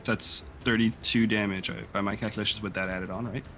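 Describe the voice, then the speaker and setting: A man's voice: on the low side, fairly even intonation, fairly quick, sharp tone, slight background noise. A man acting as game master, improvising narration and rulings for a tabletop role-playing game.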